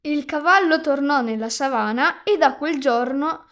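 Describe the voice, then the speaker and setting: Storybook reader, woman, high bright pitch, plain turn-taking read. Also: a little slow. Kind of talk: reading a story aloud.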